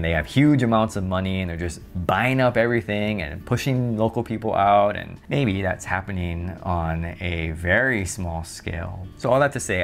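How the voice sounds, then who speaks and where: A man, talking casually and thoughtfully to the camera as a YouTube host. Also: low-pitched. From Hawaii.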